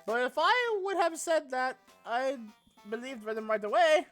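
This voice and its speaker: Woman live-streamer, casual game chat; giggly, rambling, foul-mouthed, lively up-and-down delivery. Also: high voice, measured pace, soft background music. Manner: giggly, swears freely, rambling.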